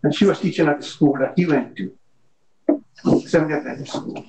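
A man's voice: on the high side, brisk, noisy background. A man telling an earnest story in a church Bible study discussion, often repeating words, recorded by a far camera in a meeting room. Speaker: class member.

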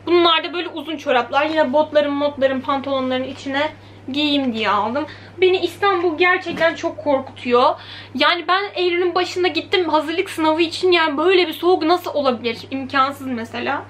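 A young woman vlogger talks straight to her camera in a bright, high register. She tells the story in a chatty, animated way and acts out the quoted lines. Faint room ambience sits under her voice. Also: fairly quick, slight background noise. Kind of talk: casual storytelling vlog. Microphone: camera mic.

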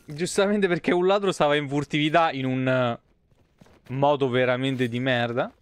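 A man's voice: mid-range voice, fairly even intonation, normal speed, slight background noise. A man with an Italian accent giving casual, sarcastic live commentary on a game he is playing, swearing freely and talking back at the characters. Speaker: gaming streamer.

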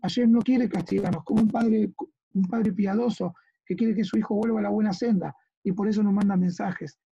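A rabbi with an Argentine Spanish accent gives an earnest religious lesson with slides, often asking listeners to agree and checking that they follow. His voice is high, steady, a little fast, gravelly, mellow, and slightly rough, with the highs cut off.

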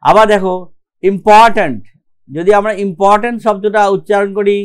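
A man's voice: sits high, brisk, clear, resonant tone. A man with a Bengali accent teaching a grammar lesson, explaining step by step and often checking with "okay?". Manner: mixes English terms into his explanations.

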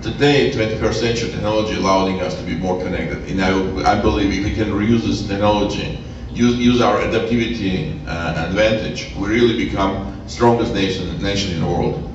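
A man born in Armenia, an English speaker, giving an earnest, halting speech at an event with many restarts. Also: fairly low pitch, fairly even intonation. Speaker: guest speaker. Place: large event hall. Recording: echoey lo-fi hall, distant mic, noisy.

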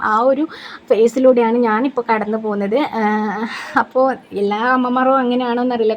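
Young woman, mother vlogger, higher pitch, chatty earnest advice. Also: a little hiss or hum. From Kerala, India. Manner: earnest, repeats herself, fillers and restarts. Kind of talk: casual advice to the camera.

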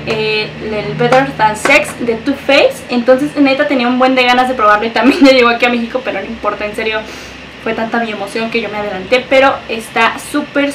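A woman's voice: fairly high pitch, fairly bright tone, far from the mic, a little hiss or hum, poor audio. A young woman with a Mexican accent, gushing and emotional as she unboxes a package for her vlog. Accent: Mexican Spanish. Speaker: beauty vlogger.

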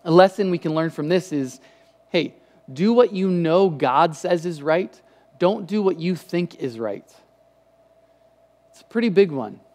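A pastor in his thirties delivers a casual sermon through a headset mic on a church stage with a lit patterned backdrop, his voice a bit higher than most men's. He speaks a little slowly with long pauses, gesturing animatedly and often restarting phrases, as long hall reverb follows each line.

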